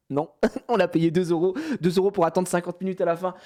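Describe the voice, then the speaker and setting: A man streaming a casual storytime, retelling events in an animated way with slang and frequent laughter. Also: high voice, moderate pace.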